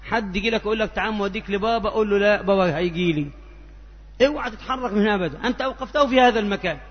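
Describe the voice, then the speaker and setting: A man with an Egyptian accent preaches a sermon in a strikingly high voice, slipping between formal Arabic and everyday colloquial asides. The recording sounds muffled, and his voice rings out in a long hall reverb. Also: racing.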